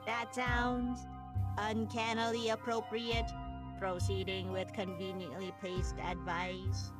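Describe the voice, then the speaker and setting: A woman voicing a deadpan female robot cat fighter, with a robotic voice and flat, literal machine-like speech, over loud game music. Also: mid-range voice, slow. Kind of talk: video game voice acting.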